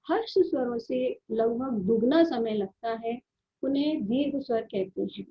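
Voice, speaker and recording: A woman teacher giving a grammar lesson, explaining slowly and drawing out the sounds she demonstrates. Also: high voice, dull audio. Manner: slow, drawn-out explanation with repeated vowel sounds.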